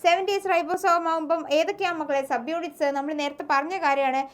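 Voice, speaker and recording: High-voiced woman teaching with a Malayali accent. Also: steady tone. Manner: reads English lines slowly, then explains, asks pupils questions; affectionate, calls students "children". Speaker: biology teacher. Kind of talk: line-by-line textbook reading lesson.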